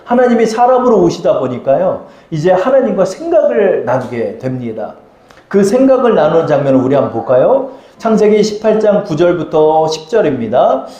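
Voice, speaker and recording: A man's voice: fairly high pitch, big pitch swings, normal speed, dark tone, highs cut off. A male pastor preaching a sermon in a conversational way, often asking the congregation questions. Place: church sanctuary. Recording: echoey church sanctuary.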